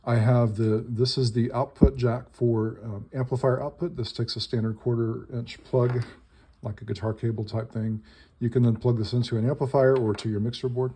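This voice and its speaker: Amid electronic toy noises and button clicks, a man shows off a modified electronic instrument, explaining piecemeal in brief, tentative phrases. He speaks at a moderate pace in a warm, husky, mid-range voice with a level tone. The recording is very noisy, full of device buzz and clicks.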